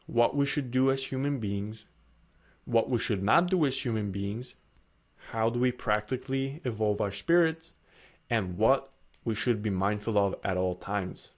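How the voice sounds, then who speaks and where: A man giving an earnest self-help presentation, often repeating and restarting his phrases. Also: mid-range voice.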